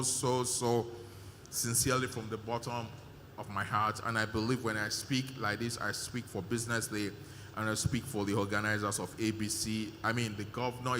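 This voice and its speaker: A man addresses a large conference hall, his voice bright and forceful as it carries into a long reverb. He speaks in emphatic bursts, repeating his thanks and filling pauses with "uh". Faint room ambience sits underneath. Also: medium pitch, a little hiss or hum. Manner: emphatic, repetitive thanks with many fillers. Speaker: conference organizer giving vote of thanks. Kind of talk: live conference speech.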